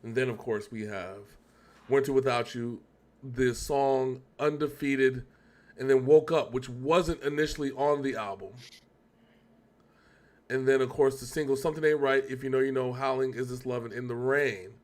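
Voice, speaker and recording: This man has a mid-range, darkish voice with a steady tone and moderate pace. As co-host of a reaction show, he chats casually and talkatively, rambling and frequently correcting himself as he goes.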